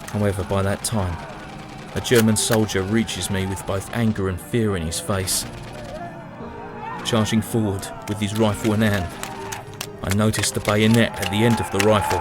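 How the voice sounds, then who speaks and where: In this first-person audio drama diary, a man voices a low-voiced, haunted young British soldier worn down by the 1917 trenches. The mood is urgent and panicked, yet the delivery stays somber, reflective and dramatic over dramatic background music.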